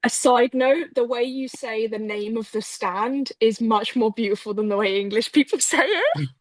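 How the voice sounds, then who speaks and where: A woman's voice: fairly high pitch, moderate pace, no echo. A young woman co-hosting a podcast, leading the chat in a casual, teasing way. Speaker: podcast co-host.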